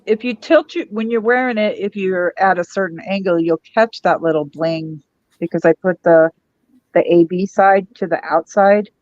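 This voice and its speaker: A woman guest on a craft livestream, explaining her beadwork in a relaxed, chatty way. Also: on the low side, moderate pace, dull audio. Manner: relaxed, explanatory, lots of "you know". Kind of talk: casual chat on a live stream.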